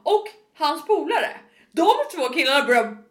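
A woman's voice: high-pitched, reverberant. A woman in her twenties, swearing freely and acting out quotes as she tells a story in casual chat. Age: 20s. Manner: animated, swearing, acts out quotes.

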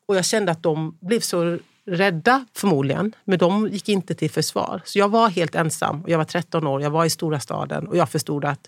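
A woman's voice: on the low side, gravelly, hardly any pauses, no echo. A woman in her fifties, a podcast guest, telling a personal story in a reflective, vivid way. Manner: reflective, vivid, acts out quotes.

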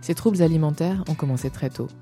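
A woman hosting a podcast, reading a measured scripted intro and asking interview questions. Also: deep voice, mellow, faint music behind. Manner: clear, measured, announcer-like delivery.

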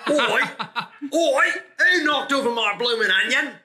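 A man voicing a brash little male pig with an Australian accent, rowdy and shouting. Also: very high voice, unhurried, noisy background.

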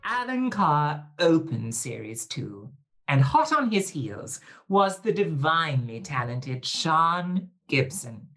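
A man's voice: on the high side, very animated, slow, fairly bright tone, faint music behind. A man hosting a podcast interview, theatrical and wordy, fond of elaborate vocabulary and calling guests darling. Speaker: podcast host. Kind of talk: interview chat.

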